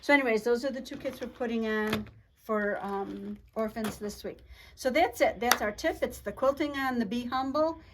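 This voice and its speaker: A woman giving a casual show-and-tell tutorial on her quilting projects, chatty, talking fast and a lot with frequent restarts. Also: a little high, background noise. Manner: chatty, talks fast and a lot, self-interrupting. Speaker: quilt shop co-owner showing projects.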